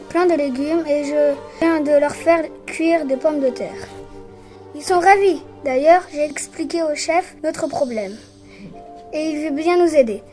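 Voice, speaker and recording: A woman's voice: high voice, warm tone. Woman doing a bold cheerful boy hero. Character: brave cheerful young boy, helpful and kind.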